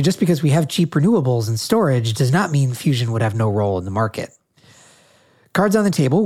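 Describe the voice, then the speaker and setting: A man's voice: medium pitch, darkish tone. A man hosting a podcast interview, talking articulately with a nasal voice from a cold. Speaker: podcast host.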